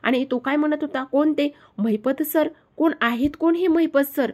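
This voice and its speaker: A woman's voice: high voice, normal speed, a little mellow, pitched above the performer's own voice, close to an everyday voice. A woman voicing a worried young wife who keeps questioning her husband. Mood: suspicious. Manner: pleading, questioning.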